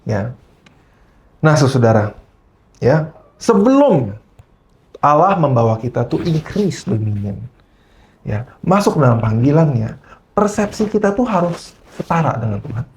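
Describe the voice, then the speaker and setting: A man's voice: fairly high pitch, unhurried, long pauses. A man preaching a sermon at a church service, switching into English phrases and often checking in with the congregation as he tells stories. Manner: animated storyteller.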